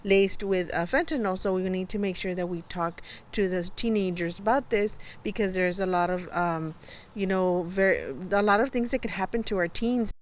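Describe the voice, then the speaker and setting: A woman with a medium-pitched voice answers in a news interview as a community organization representative. She speaks haltingly, searching for her words. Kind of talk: unscripted news interview soundbite.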